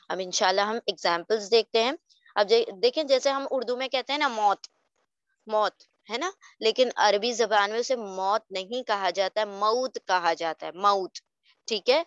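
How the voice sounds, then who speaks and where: A woman's voice: mid-range voice, a bit bright, smooth, no echo. Lady teaching tajweed, patient, keeps asking ok?, dry dull sound. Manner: patient, often checks "okay?". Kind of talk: explaining Quran recitation rules.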